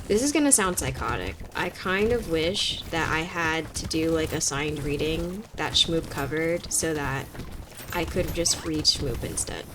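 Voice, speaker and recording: A young woman streaming a game, chatting in a rambling, animated way and pleading with herself when the game gets tense. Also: low-pitched, noisy background. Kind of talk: casual gameplay chat.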